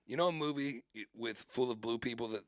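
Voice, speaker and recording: A man's voice: mid-range voice, fairly quick, dry recording. A man co-hosting a talk radio show, joking around and laughing often. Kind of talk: casual banter.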